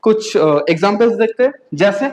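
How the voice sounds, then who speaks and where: A woman from India teaching a beginner German lesson. She drills letter sounds slowly and keeps checking that the learners follow. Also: medium pitch, expressive, a little mellow, low-quality recording. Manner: patient drilling, frequent "okay?" check-ins, slow spelled-out letters.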